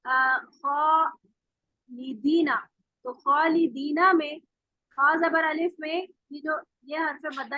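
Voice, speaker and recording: Lady teaching tajweed online, slow patient demos, pretty high pitched, kinda muffled dry call sound. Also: sharp tone, no echo. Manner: patient, explains then models sounds slowly. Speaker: Quran recitation teacher. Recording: dull dry call audio.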